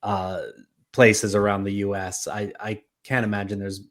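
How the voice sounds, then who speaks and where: Low-voiced man hosting a film podcast. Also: flat delivery, a little slow, fairly bright tone. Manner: rambling, lots of fillers, listing film credits. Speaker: podcast host. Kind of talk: casual film podcast chat.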